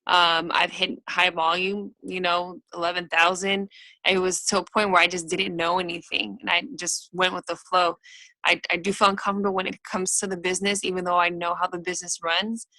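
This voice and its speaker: A woman's voice: lowish voice, flat delivery, fairly quick, bright, forceful tone, no echo, poor audio. A woman candidly admitting her doubts about her business on a group video call. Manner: candid, self-critical. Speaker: wellness coach on a team call.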